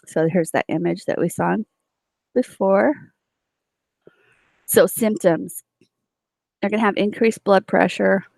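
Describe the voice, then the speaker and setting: A woman instructor walks students through course material, pausing on fillers and correcting herself mid-word. Her voice sits low with a gravelly edge. The recording is dry and close. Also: no echo. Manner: explanatory, with frequent fillers and self-corrections. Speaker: nursing instructor. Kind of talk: recorded lecture.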